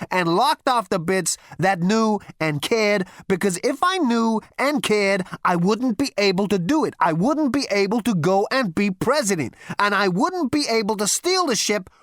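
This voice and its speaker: A woman's voice: medium pitch, no echo, clean studio sound, pitched above the performer's own voice, close to an everyday voice. A woman doing a brash, ranting space rogue. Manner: ranting, defiant. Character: brash, petulant young male space rogue. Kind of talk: audiobook character voice.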